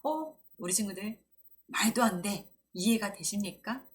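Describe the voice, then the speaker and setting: A woman preaching to children in a Sunday school service, telling a bible story in a gentle storytelling manner and acting out the quoted lines. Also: mid-range voice, animated, unhurried.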